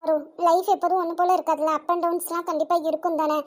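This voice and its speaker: A woman's voice: very high-pitched, level tone, fairly quick. A woman voicing a caring young best friend in a cartoon, coaxing and soothing, with a Tamil accent. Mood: consoling.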